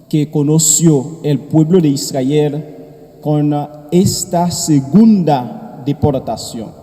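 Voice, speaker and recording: Male priest, very mellow and slow, solemn liturgical reading and preaching, voice ringing with cathedral echo. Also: fairly high pitch. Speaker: priest celebrating Mass. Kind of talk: solemn Gospel reading and homily. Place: reverberant church. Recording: long cathedral-like echo of a large church.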